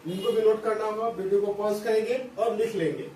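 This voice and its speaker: A man's voice: high voice, fairly even intonation, fairly quick, warm tone, heavy reverb. Man, board lesson, repeats and checks understanding, distant mic, faint hiss. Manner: explains step by step, repeats phrases, checks understanding often. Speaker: maths teacher. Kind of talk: whiteboard lesson for school students.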